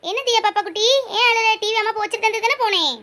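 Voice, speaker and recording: A young performer playing a fond young mother in a family home skit, coaxing a crying child with pet names in a high childlike voice. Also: fast talker, pushed and bright.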